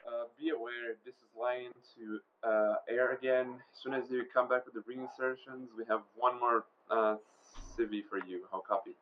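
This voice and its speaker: Halting man calling over a radio. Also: medium pitch, fairly even intonation. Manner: halting, with frequent "uh" fillers. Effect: heard over a game radio. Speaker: ground commander in a military game. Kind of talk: radio procedure callouts. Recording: muffled radio with faint hiss.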